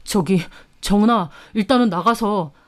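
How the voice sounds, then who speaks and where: A woman's voice: mid-range voice, normal speed, lightly acted. A woman voicing a cheating young man who stammers and hedges in a narrated story. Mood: sheepish. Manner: hesitant, mumbling, evasive.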